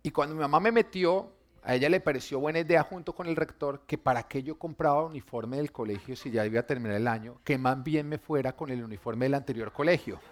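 A man preaches, talking in a relaxed, chatty way as he weaves personal stories into his sermon. His voice sits in a middle register for a man, and he drops it soft and quiet when the moment turns tender. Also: mid-range voice, fast. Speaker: pastor.

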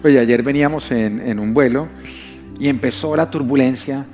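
A man's voice: medium pitch, normal speed, darkish tone. A middle-aged man preaching a sermon as pastor, impassioned and repeating phrases for emphasis. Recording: music playing behind the voice.

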